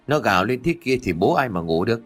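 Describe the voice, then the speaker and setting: A man's voice: medium pitch, big pitch swings, fast, slightly rough, faint music behind. A man playing a short-tempered tired fisherman. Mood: irritated. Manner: angry, blunt retorts. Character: tired, hot-tempered village fisherman, middle-aged.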